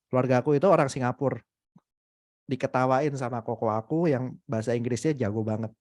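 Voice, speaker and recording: A young adult man giving a casual, motivational webinar talk, animated and full of hesitant fillers. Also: medium pitch, no echo. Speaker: webinar speaker.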